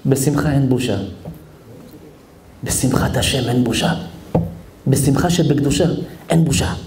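A man, a rabbi, giving a sermon, swinging between high shouts and low murmurs. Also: background noise. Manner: acts out quoted prayers with expressive intonation. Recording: echoey hall.

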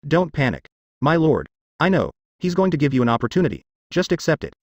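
A man voicing a calm, all-powerful immortal lord who speaks in an unhurried, assured way. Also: on the high side, dry recording, lo-fi sound.

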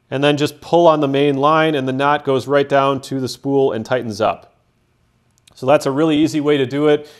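Calm man explaining a hands-on task. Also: medium pitch. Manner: calm, methodical, practical. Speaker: fishing instructor. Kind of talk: step-by-step how-to narration. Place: workshop at a table.

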